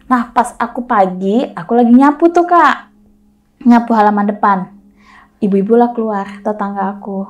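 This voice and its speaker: A woman's voice: fairly high pitch, moderate pace, soft background music. Chatty woman. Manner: animated, acts out dialogue in quotes. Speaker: guest telling a personal ghost story. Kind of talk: casual storytelling.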